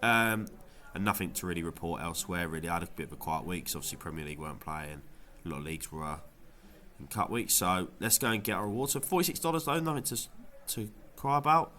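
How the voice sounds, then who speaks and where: Speaking quickly in a low, sharp voice, this fantasy football video creator recaps his week while clearly nasal from a cold. The vlog is casual, and he wanders a little, often saying um and starting over.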